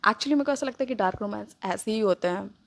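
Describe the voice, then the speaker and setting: A woman's voice: medium pitch, fast, gravelly, fairly bright tone. A young woman retelling a novel chapter in a chatty, casual way, slipping English phrases into her talk. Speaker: novel explainer on her channel. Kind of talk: casual storytelling narration.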